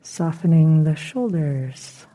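A meditation teacher, a woman with a deep yet animated voice, leads a guided practice. She soothes and instructs gently, never hurrying.

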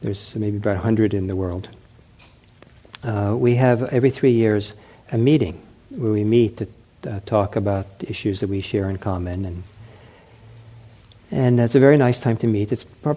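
Speaking in a lowish voice, a middle-aged meditation teacher offers a gentle, unhurried dharma talk in the hall of a meditation center, pausing with fillers and frequently restarting his phrases.

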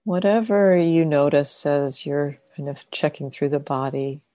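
A meditation teacher with a slow, low female voice guides a meditation. She is gentle and unhurried, with long pauses between short phrases. The audio is studio quality with no room sound.

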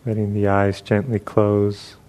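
Speaking in a lowish monotone, a male teacher leads a guided meditation. He's gentle and unhurried, leaving long pauses.

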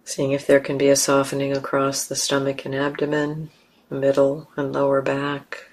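A meditation teacher guides a session in a very deep, monotone voice. She speaks gently in short, unhurried phrases, leaving long pauses between them.

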